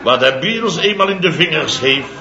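In a 1960s radio comedy serial, an actor plays Biels, a blustering contractor boss in his fifties who recounts his mishaps theatrically and chuckles through his lines in an amused mood. His voice is on the high side, expressive, at a moderate pace. The dull old broadcast recording sounds roomy, with studio audience laughter and crowd noise.

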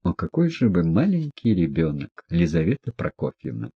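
A man voicing a meek, gentle young prince who speaks softly, earnestly and patiently. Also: sits low, wildly swooping pitch, normal speed, slightly rough, highs cut off, pitched below the performer's own voice, heavily acted.

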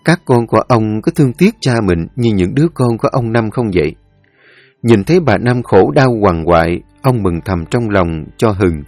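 A man reading a story in a solemn, expressive way. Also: medium pitch, no echo. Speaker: narrator. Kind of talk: scripted story narration.

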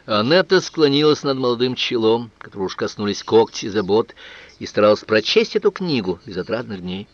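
A man narrating a literary novel as an audiobook reader, in a calm, measured, expressive manner. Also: mid-range voice, no room sound. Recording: dull, dry, lo-fi studio recording.

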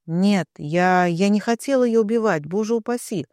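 A woman's voice: mid-range voice, normal speed, dark tone, dry recording, studio quality, lightly acted. A man voicing a jealous young woman who stammers and pleads through tears in an audiobook. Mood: tearful pleading.

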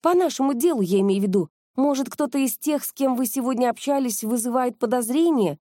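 Woman voicing a pushy young woman, brisk, teasing, mellow dark tone, dry close recording. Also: high voice, dry recording, voice pushed up. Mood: probing. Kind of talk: audiobook character reading.

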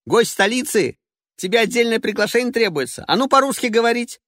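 A man reading a play aloud and voicing a gruff, rowdy passenger who talks in a blunt, swaggering way. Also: extremely high pitch, lively intonation, fairly quick, fairly bright tone, no room sound, studio quality, voice pushed up. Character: gruff, rowdy middle-aged male passenger.

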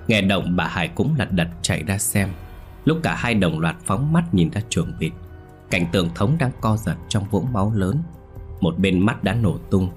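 A man narrating a horror story in a steady, dramatic storytelling voice. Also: deep voice. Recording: soft music bed.

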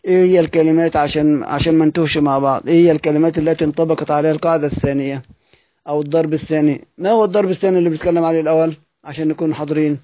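A man's voice: fairly high pitch, steady tone, racing, warm tone, no echo. A man with an Egyptian Arabic accent, teaching a classroom lesson on recitation; he repeats his questions to the students and draws out words as he recites. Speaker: teacher of Quranic readings.

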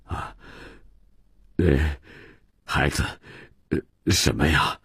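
A broken, self-pitying drunken father, as a man reads him. He pleads in a low, husky voice, slowly and haltingly. The recording is dry and intimate. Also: a bit bright, dry recording, exaggerated voice. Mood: hesitant. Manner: mumbling, pleading and hesitant.

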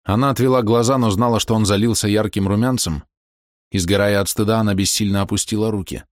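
A man narrating an audiobook in a measured, even way. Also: lowish voice, no echo, studio quality.

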